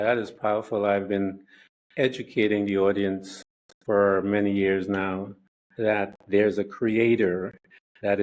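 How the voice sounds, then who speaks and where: A man hosting an inspirational podcast interview, earnest and preachy, speaking slowly and deliberately. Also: on the low side, darkish tone, poor audio. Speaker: podcast host.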